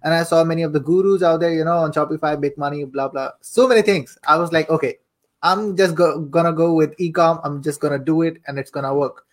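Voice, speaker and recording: In a casual interview, an affiliate marketer and coach shares his own story, informal and chatty, with a habit of repeating a phrase to stress it. He's a young adult from Saudi Arabia, later Pakistan, speaking slightly high at a fairly quick clip with fairly even intonation.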